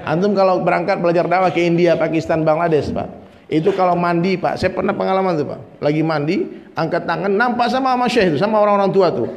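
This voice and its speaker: Male preacher, fairly high, chatty sermon style with jokes; reverberant hall. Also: fast talker, gravelly. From Minangkabau, West Sumatra. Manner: conversational preaching, keeps addressing listeners as "Pak", jokes and mimics people. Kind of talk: dawn sermon. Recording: faint noise, long hall reverb.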